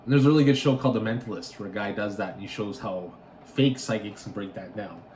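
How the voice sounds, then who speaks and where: A man hosting a casual podcast monologue, rambling and self-correcting, often ending thoughts with a quick tag question. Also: fairly low pitch, darkish tone, slight background noise. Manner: rambling, self-correcting, tags sentences with "right?". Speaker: podcast host.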